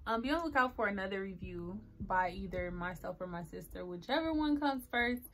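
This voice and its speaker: A woman's voice: medium pitch, expressive, brisk, slight background noise. A woman of twenty-four, chatting casually and rambling with lots of ums and likes while getting ready on camera. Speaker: beauty vlogger. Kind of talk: casual get-ready-with-me chat.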